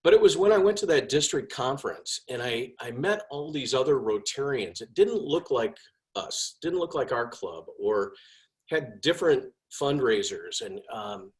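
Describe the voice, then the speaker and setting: A man's voice: mid-range voice, animated, normal speed. Enthusiastic man telling a personal story. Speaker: past club president. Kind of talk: personal speech.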